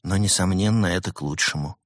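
Nervous she-cat, as a man voices her, subdued careful voice, low pitch, dry studio sound. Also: quick pace, no room sound, natural voice. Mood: worried. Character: anxious cautious adult female cat. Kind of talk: audiobook reading.

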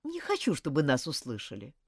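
A woman reading an audiobook, voicing a fiery schoolgirl monitor who is indignant and insistent, with shrill outbursts. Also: huge pitch swings, a little fast, breathy edge, no echo, clean studio sound, exaggerated voice. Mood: earnest. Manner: shrill, pleading, loud outbursts.

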